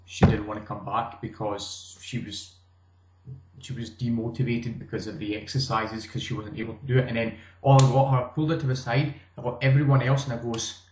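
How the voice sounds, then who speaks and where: A man with a Scottish accent, a gym owner chatting casually as a guest in an interview, talking in a relaxed way with frequent restarts. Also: mid-range voice, brisk, echoey room, muffled recording, noisy background. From Scotland. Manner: relaxed, conversational, many restarts.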